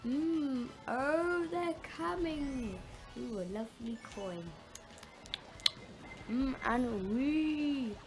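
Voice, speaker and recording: High-pitched woman doing slow playful game commentary. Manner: frequent exclamations, oohs and little sound effects. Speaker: gaming video host. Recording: game music under the voice. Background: video game music.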